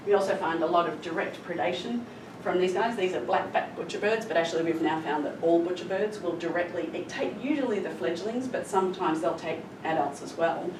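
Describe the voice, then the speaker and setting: A middle-aged woman with a slightly low voice gives an earnest, emphatic talk, explaining and storytelling as she goes. She is recorded from a distance in a roomy, echoey space. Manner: earnest, emphatic with stressed adverbs. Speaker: conservation scientist presenting. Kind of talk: public presentation, explanatory storytelling. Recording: roomy echo, distant mic, clear background noise.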